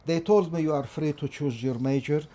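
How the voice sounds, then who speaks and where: A warm, somewhat high voice belongs to a middle-aged Lebanese man, a political science professor interviewed about his family background and studies. His accent is Lebanese, and he talks hesitantly and deliberately, with frequent fillers and restarts.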